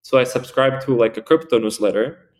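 A man's voice: medium pitch, fairly quick, a little mellow. Speaking in an ordinary middle register, a young man in his early twenties from Spain answers a podcast host's questions. He rambles casually, leaning on "like" and "um" as he talks. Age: early 20s. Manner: rambling, heavy use of "like" and fillers. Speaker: podcast guest.

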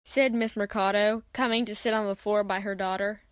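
A woman narrating a children's Bible story in a clear, even read-aloud voice. Her pitch sits in the middle range, and the recording is dry and close with no room sound. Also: brisk, dry recording.

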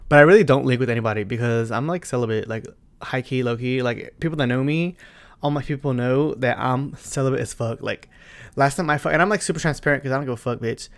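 A man in his twenties hosting a solo podcast, talking bluntly and profanely, with loud bursts and quiet asides. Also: mid-range voice, fast. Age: 20s. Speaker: podcast host. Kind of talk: casual solo podcast chat.

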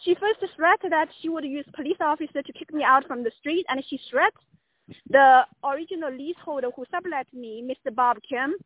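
Female caller, high voice, halting unscripted complaint over thin phone audio. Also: dry recording. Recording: tinny dry phone line.

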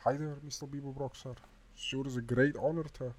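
A man's voice: medium pitch, fairly even intonation, a little fast, lightly acted. A man voicing a relentlessly cheerful male ship computer with a chirpy, over-eager and fawning manner.

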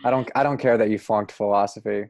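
A man hosting a podcast interview, talking in a relaxed, rambling way and laughing easily. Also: lowish voice, fast talker, no echo. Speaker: podcast host. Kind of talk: casual interview chat.

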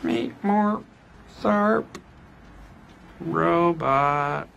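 A male podcast host putting on a stiff, clunky robot voice, creaky and halting, one word at a time. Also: on the high side, fairly bright tone, muffled recording, a little hiss or hum, pitched above the performer's own voice, full character voice. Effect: robot voice impression.

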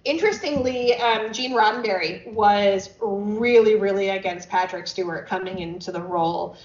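A woman's voice: mid-range voice, moderate pace, darkish tone. A woman co-hosting a casual chat podcast, explaining at length and reading out history notes with a dry wit. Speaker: podcast co-host. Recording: roomy, dull lo-fi sound.

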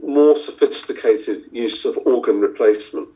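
Heard in dull lo-fi audio, a middle-aged man from India, a surgeon guest, gives considered interview answers full of fillers and restarts. He has a medium-pitched, dark-toned voice and talks at an ordinary pace.

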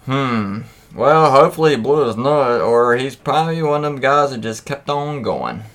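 A podcast host reads anecdotes aloud casually, tossing in informal, profane asides and interjections. His medium-pitched voice is expressive and a bit bright, at a normal speed.

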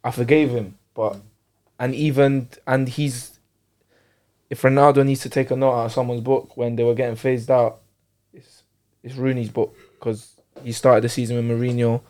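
A man's voice: medium pitch, level tone, moderate pace, pauses often, darkish tone. London roadman football panellist, slangy man. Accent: London, urban roadman. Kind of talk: casual football debate, street slang.

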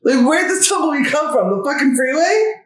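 A podcast co-host in casual chat, animated and laughing often. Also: sits high, brisk. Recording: echoey room.

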